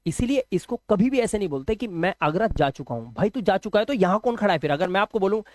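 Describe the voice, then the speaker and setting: Lively male English teacher, Hindi accent. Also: high-pitched, fast, dry recording. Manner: lively, addresses students with rhetorical questions and joking asides. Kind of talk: classroom grammar lesson.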